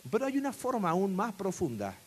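A man preaching a sermon, swinging from hushed to emphatic. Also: high-pitched, wildly swooping pitch, fairly quick, slightly rough.

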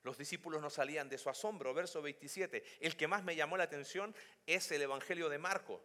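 A man preaching a sermon as pastor, moving between quiet, low reflection and loud, high emphasis, and putting questions straight to his listeners. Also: a little fast. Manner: addresses listeners directly with questions. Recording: long hall reverb.

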